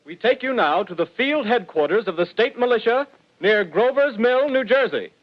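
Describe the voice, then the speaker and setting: A high-voiced bulletin announcer. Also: male voice, lively intonation. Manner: brisk announcer delivery. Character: crisp male radio announcer reading bulletins. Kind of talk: 1930s radio drama acting. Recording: dull lo-fi old radio recording.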